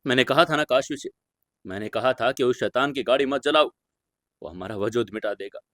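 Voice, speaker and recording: A man voicing a frantic, grieving middle-aged mother who talks in a hushed, tearful, pleading way. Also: medium pitch, brisk, no room sound, clean studio sound, lightly acted.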